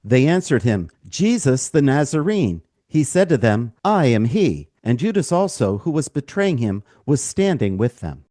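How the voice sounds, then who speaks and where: Dark-voiced man reading scripture. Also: medium pitch, big pitch swings, a little slow, hardly any pauses, dry recording, clean studio sound. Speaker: podcast co-host, scripture reader. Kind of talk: Bible reading and discussion.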